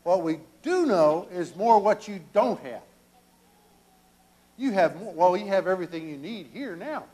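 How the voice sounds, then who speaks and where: Older male pastor, children's sermon, slow and halting delivery, fairly high voice, church sanctuary. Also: expressive, dark tone. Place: church sanctuary, children seated around him.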